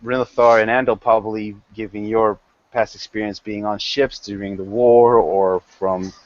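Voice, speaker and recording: A man's voice: on the low side, level tone, moderate pace, no echo. Rambling game master voice, male, muffled and dry. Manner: rambling, many restarts. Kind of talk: narrating a tabletop game.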